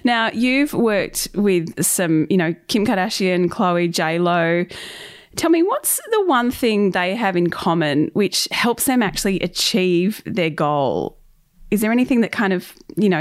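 A woman with a croaky, slightly tired voice, hosting a podcast in a chatty, informal way. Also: lowish voice, expressive, a little slow. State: croaky and fatigued from illness. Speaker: podcast host. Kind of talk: podcast introduction and interview questions.

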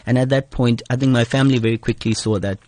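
A man's voice: mid-range voice, steady tone, quick pace, warm tone, no echo. A man with a South African Indian accent answering interview questions in an earnest, emphatic, conversational way. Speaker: comedian and actor being interviewed.

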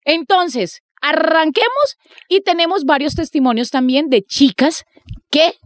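Woman, podcast host, high voice, dry close sound, brash teasing chat. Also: expressive, a little slow, no echo. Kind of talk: casual chat.

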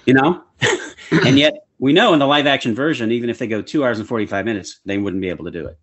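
A man's voice: mid-range voice, fast, fairly bright tone, slightly rough. A man co-hosting a casual podcast, upbeat and chuckling as he talks. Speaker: podcast co-host. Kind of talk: casual chat about comic book films.

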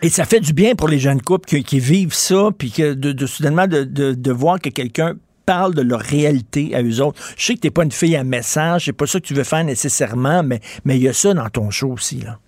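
A man with a Québécois accent hosting a casual interview, chummy and animated with frequent stammers. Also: on the high side, fairly quick, few pauses, dry recording, studio quality. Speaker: radio host.

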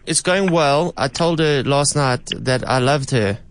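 A man's voice: medium pitch, measured pace, smooth, lightly acted. A man playing a cocky, over-familiar young boyfriend on a prank call, rambling hesitantly and casually. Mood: bashful, earnest.

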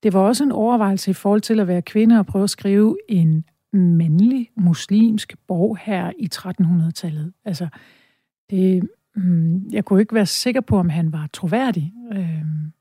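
Dark-voiced woman author, slightly husky. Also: mid-range voice, no echo, clean studio sound. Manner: hesitant, many fillers and restarts. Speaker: author and guest. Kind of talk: reading aloud from her novel and interview talk.

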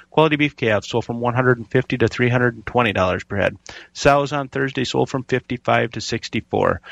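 A man reading a livestock market report with brisk, matter-of-fact delivery of prices and sale dates. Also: mid-range voice, gravelly, a bit bright, no echo, lo-fi sound.

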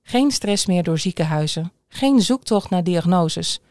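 A woman reading a news feature aloud in a calm, measured scripted narration. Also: lowish voice, no echo, studio quality. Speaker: newsreader.

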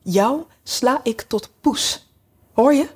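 A woman reading a storybook aloud and voicing a curious, spirited young girl in a raised, lively voice. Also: a little high, moderate pace, breathy edge. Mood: indignant. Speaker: storybook character voiced by narrator.

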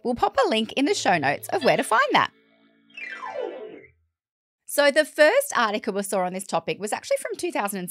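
An Australian woman hosting a podcast in casual chat, animated and playful, her voice croaky and blocked up with a cold. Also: fairly high pitch, no room sound, studio quality. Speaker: podcast host.

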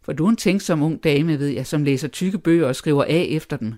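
A reader plays a dry, sarcastic gentleman father who teases his family in an even, level tone. Calm and measured, never raising his voice. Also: medium pitch, natural voice. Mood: wry. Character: dry sarcastic middle-aged father and husband. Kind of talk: audiobook character voice.

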